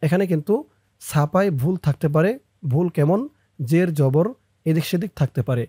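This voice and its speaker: A man with a Bangladeshi Bengali accent teaching a prayer by slow recitation, spelling out each Arabic letter and vowel mark and drawing out the chanted words. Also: fairly high pitch, dark tone, slightly rough, dry recording, clean studio sound. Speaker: Islamic teacher.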